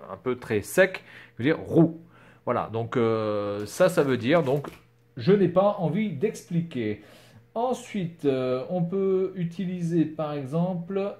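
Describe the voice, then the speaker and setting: Hesitant man explaining casually. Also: mid-range voice. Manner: hesitant, many fillers and "voilà". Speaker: vlogger.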